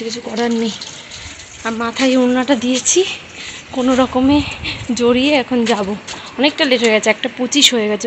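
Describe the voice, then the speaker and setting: A woman's voice: fairly high pitch, background noise. A mother and home vlogger telling viewers about her busy day in a chatty, rambling voice-over. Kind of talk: casual voice-over narration of a daily routine.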